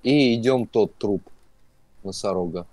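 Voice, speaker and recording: A man's voice: lowish voice, unhurried, a little mellow, dry recording. A man chatting casually with friends while playing a video game, swearing constantly. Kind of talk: casual gaming chat with friends. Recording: noticeable background noise.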